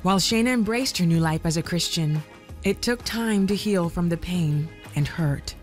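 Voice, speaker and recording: A woman narrating a scripted documentary in a measured, even storytelling manner. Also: lowish voice. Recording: soft music underneath.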